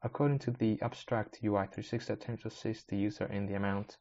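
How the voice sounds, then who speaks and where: His voice is fairly low and darkish. Originally from a Spanish-speaking country and a native Spanish speaker, he moved to the UK at ten and now hosts a casual solo podcast, rambling wryly and often interrupting himself mid-sentence, recorded in slightly dull lo-fi.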